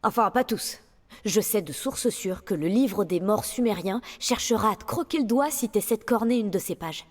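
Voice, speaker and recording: A woman's voice: mid-range voice, expressive, moderate pace, close to an everyday voice. An actress playing a playful, bookish young female sorceress in a French video game dub, talking with a teasing lilt.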